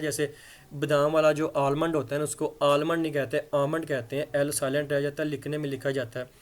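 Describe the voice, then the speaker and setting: Higher-voiced man teaching grammar casually. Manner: conversational, checks understanding with repeated "theek hai"; spells words letter by letter. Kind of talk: explanatory lesson in Hindi-Urdu.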